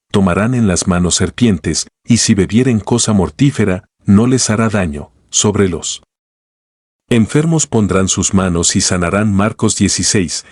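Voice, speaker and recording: Deep-voiced man reading devotional text. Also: a little mellow, dry recording, studio quality. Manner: measured reading, slowing on scripture references. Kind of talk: read-aloud devotional teaching.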